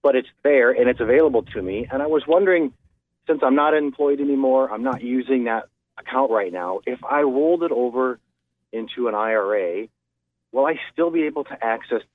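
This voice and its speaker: A man's voice: medium pitch, fairly quick. Fields: Sex: man. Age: 50s. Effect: over the phone. Role: radio caller. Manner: plain and polite. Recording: tinny phone line. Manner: plain, polite, asks step by step. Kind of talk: call-in question on radio.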